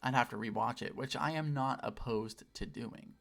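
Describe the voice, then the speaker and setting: Late 20s guy on a game stream, gravelly customer service voice, swears a lot, pokes fun at himself. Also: medium pitch, fairly bright tone. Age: late twenties. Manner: customer service voice, deliberately lifted; sweary, self-deprecating. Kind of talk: casual livestream chat while playing.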